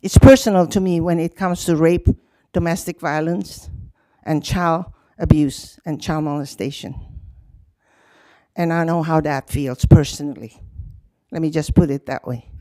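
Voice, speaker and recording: Older woman, from Hong Kong, animated, talkative, youth nonprofit leader, dry close sound. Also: sits low, a little slow, dry recording. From Hong Kong, grew up in Indonesia. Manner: animated, talkative, frequent laughs. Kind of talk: speaking at a public city meeting.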